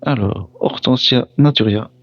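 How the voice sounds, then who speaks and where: In a medium-pitched, slightly bright voice, a man gives casual commentary while opening trading card packs. He reads the names one at a time, pauses to react, and says sorry for mangling foreign names. The audio sounds dull.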